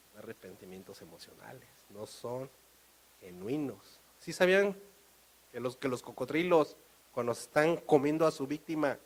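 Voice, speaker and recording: A man with a Mexican accent preaching a sermon, animated and storytelling. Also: on the high side, rough recording. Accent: Mexican Spanish. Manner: animated, storytelling, acts out dialogue.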